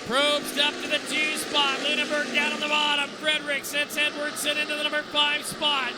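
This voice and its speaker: Male motorsport commentator, very high-pitched, clipped position-by-position race calls, loud engine noise throughout. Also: monotone, fairly quick. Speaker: motorsport track announcer. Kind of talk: live stock car race commentary. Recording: loud engine noise over track announcing. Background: race car engines.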